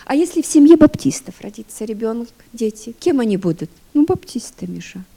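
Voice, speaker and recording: Woman, 50s, preacher; dark, husky voice, dynamic sermon delivery that drops to near-whispers. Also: fairly high pitch, sing-song, brisk. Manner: dynamic, swinging from loud emphasis to hushed near-whispers; asks the congregation rhetorical questions.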